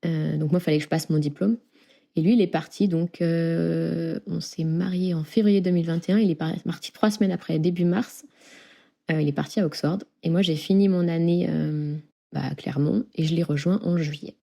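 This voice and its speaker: A woman's voice: fairly low pitch, fairly even intonation, normal speed, vocal fry, warm tone. A young woman from near Lyon, chatting as an interview guest, with many fillers and frequent laughs. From France. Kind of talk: casual interview chat.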